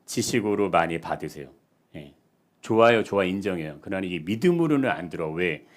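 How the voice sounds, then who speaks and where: A man preaches a sermon with a fairly low voice. He keeps asking the congregation questions. He drops to quiet lines and then rises to loud, emphatic ones. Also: animated, a little fast. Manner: rhetorical questions to the congregation, swings between soft and loud. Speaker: pastor.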